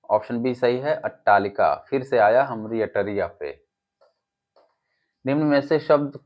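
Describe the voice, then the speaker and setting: A male teacher with an Uttar Pradesh Hindi accent, reading quiz questions and their options, then giving the answers and explaining them. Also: mid-range voice. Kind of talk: exam-prep lesson, reading quiz options. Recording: dull lo-fi audio.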